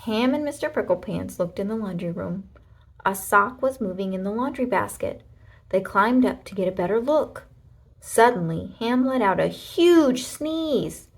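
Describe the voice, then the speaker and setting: A woman with a mid-range, creaky voice reads a children's storybook aloud, expressively and with deliberate dramatic emphasis.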